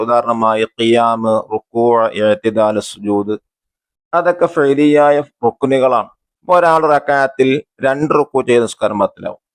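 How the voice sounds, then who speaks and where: A male religious school teacher going through a workbook chapter for students. He reads each passage, then breaks it down in a steady, mid-pitched voice. He poses questions and answers them himself, and he glosses the terms along the way. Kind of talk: textbook lesson explanation.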